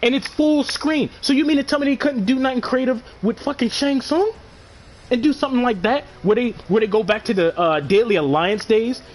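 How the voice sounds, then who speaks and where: A young man rants excitedly about a video game. His casual commentary is slangy and full of swearing. A faint noise sits under the recording. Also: very high-pitched, fairly quick. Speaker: gaming commentator.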